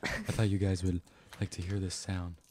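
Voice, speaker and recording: A man putting on a hushed ASMR tutorial voice in a whispered role-play, speaking softly. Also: sits low, level tone, noisy background, close to an everyday voice. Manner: hushed, deliberately soft.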